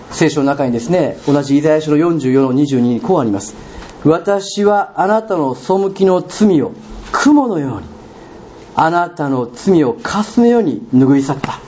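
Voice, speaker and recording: A male pastor with a Kansai accent preaches in a mellow, fairly high voice that swoops widely as he tells a story and turns to his listeners with questions. The recording is dull and lo-fi, with faint room noise underneath. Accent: Kansai Japanese. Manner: animated storytelling with questions to the congregation. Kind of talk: sermon.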